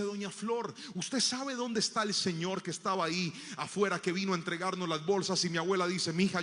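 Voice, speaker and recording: A man's voice: high voice, pushed and bright, long reverb tail. A man preaching a sermon, telling a personal story and acting out the dialogue in it before building to emphatic preaching.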